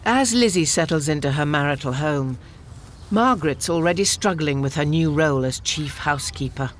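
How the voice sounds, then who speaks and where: A man's voice: fairly high pitch, moderate pace, a little hiss or hum. A man reading scripted documentary narration as a voice-over. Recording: voice-over over music and crowd.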